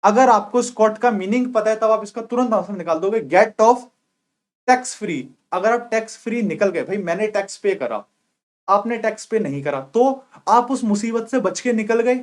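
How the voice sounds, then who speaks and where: A young man teaching an exam-prep vocabulary lecture, repeating each point and often checking whether students are clear. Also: high voice, moderate pace.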